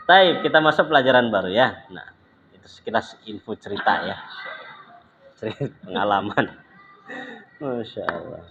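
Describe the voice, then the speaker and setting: Animated man telling teaching anecdotes. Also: normal speed, long pauses, highs cut off, slight background noise. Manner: animated storytelling, acts out quoted speech with pitch jumps. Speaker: religious teacher. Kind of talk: informal lecture with anecdotes.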